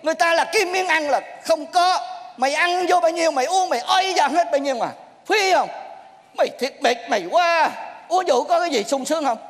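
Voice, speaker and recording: A man's voice: extremely high pitch, a little fast, fairly bright tone. A man playing a troupe master in a stage comedy sketch, scolding in an exasperated, theatrical way. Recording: stage recording with long hall reverb.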